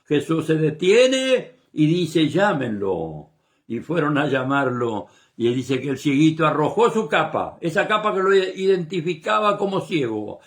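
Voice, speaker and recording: A man's voice: fairly high pitch, big pitch swings, moderate pace, hardly any pauses. A man preaching a sermon in Argentine Spanish, reading a passage and retelling it with emphatic rises and drops. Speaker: pastor.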